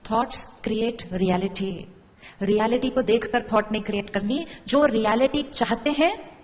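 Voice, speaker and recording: Woman giving a spiritual talk, highish voice, lots of hall echo, repeats things and asks the crowd questions. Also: slow. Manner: repeats key phrases and quizzes the audience; mixes in English phrases. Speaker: spiritual speaker. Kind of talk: spiritual talk to a live audience. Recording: long hall reverb.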